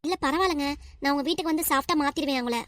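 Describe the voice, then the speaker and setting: A woman's voice: high voice, rapid-fire, heavy background noise, close to an everyday voice. A woman voicing an earnest, lovestruck twenty-year-old nurse with a southern Tamil Nadu accent, pleading insistently in a cartoon. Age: 20s. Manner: pleading, insistent, talks over objections. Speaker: voice actor. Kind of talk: cartoon voice acting.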